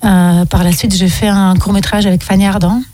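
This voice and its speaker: Soft-spoken hesitant woman, dry close sound. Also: medium pitch, level tone, brisk, dry recording. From Russia. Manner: hesitant, many ums. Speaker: film director, guest. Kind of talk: radio interview.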